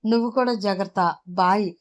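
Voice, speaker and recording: A woman storyteller voicing a hurried young man who talks in a brisk, dismissive way. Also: mid-range voice, natural voice.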